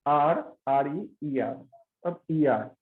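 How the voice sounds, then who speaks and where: A man with an Indian English accent giving an English pronunciation lesson, switching between Hindi and English and repeating example words slowly. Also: fairly high pitch. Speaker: English teacher. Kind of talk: classroom lecture mixing Hindi and English. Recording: tinny phone-like sound.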